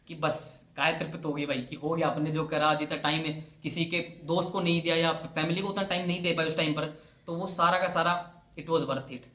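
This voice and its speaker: A man's voice: a little high, pushed and bright. A young man giving a casual, earnest motivational talk to exam aspirants. He talks chattily, drops English words into his speech, and keeps repeating his advice to push the point. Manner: earnest, urging and repetitive. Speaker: banking exam coach. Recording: roomy echo.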